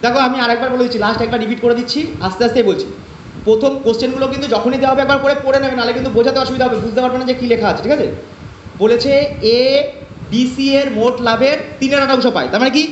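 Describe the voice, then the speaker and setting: A man's voice: very high voice, fairly even intonation, rapid-fire, a little hiss or hum. A man teaching an online math class, asking and answering his own questions step by step. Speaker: math tutor. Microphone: online class call. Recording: echoey, dull lo-fi online class audio.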